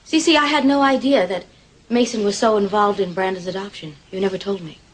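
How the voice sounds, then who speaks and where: A woman's voice: medium pitch, a little fast, natural voice, low-quality recording. An actress playing a worried, devoted woman of the household in a 1980s soap opera, speaking earnestly and solicitously. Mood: worried, caring.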